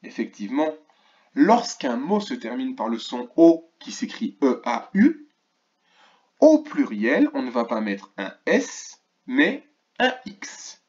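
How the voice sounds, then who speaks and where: A man teaching a remote lesson to first graders, slowly and clearly sounding out words and asking the class questions. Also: mid-range voice, sing-song, a little mellow, highs cut off. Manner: slow, clearly articulated, stretches key words; asks questions of an absent class. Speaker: primary school teacher.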